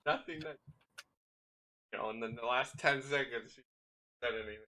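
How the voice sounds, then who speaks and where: A young man hosting a home podcast talks with a bright, forward tone. He rambles and swears casually, and he drops "dude" into most sentences. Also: mid-range voice, moderate pace. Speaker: podcast host. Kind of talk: casual chat. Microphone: home microphone.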